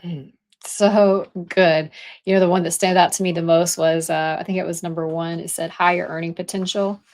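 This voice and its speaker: A woman's voice: fairly low pitch, fairly even intonation, moderate pace, darkish tone. A woman co-hosting a business podcast who speaks emphatically and repeats key points for effect. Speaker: podcast co-host. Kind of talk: casual business podcast chat.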